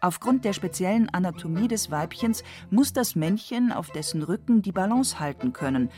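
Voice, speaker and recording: Woman, documentary narrator, scripted delivery, mellow tone, slightly low pitch. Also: expressive, normal speed, soft background music.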